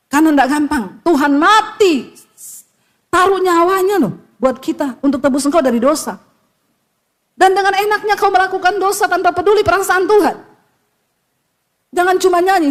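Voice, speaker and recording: A middle-aged woman pastor preaching a sermon in a blunt, scolding way, often acting out quotes from the people she counsels. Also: very high voice.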